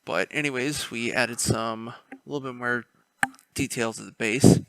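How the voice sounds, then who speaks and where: A man talks through his miniature painting in a relaxed, easygoing way, often pausing with fillers and restarting his sentences. His voice sits in an ordinary middle pitch and is recorded close and dry, with no room sound. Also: clear, resonant tone, dry recording. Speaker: miniature painting hobbyist host. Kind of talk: casual painting tutorial narration.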